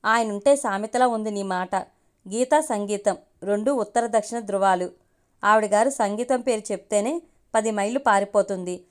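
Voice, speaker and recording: A woman's voice: medium pitch, moderate pace, close to an everyday voice. A woman reading the lines of a kind, teasing young man in a family story, in a light tone.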